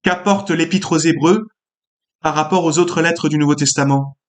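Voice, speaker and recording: A man's voice: on the high side, normal speed. A man interviewing a guest with brief, direct questions.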